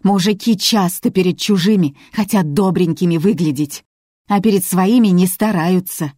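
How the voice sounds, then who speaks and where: A woman voicing a rude, hot-tempered middle-aged cook who shouts and snaps at everyone. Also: lowish voice, normal speed, no echo, clean studio sound, lightly acted. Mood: blunt.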